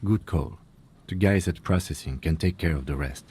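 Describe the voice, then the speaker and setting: A man voicing a calm, methodical police lieutenant in a detective game, with a measured, precise, matter-of-fact way of speaking. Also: rumbling low, slightly rough, heavily acted. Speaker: police partner. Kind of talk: game voice acting.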